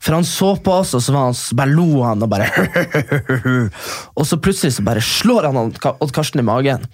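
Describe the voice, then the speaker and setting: Animated young man telling a wild story. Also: medium pitch, no echo, studio quality. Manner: animated storytelling, acts out voices in quotes. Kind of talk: casual chat.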